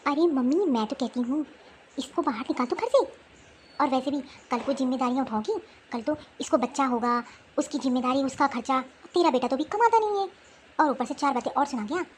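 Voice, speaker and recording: A woman's voice: high voice, fairly quick, a little hiss or hum, lightly acted. Woman voicing a scheming spiteful sister-in-law. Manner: sneering, wheedling advice to her mother. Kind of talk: Hindi cartoon voice acting.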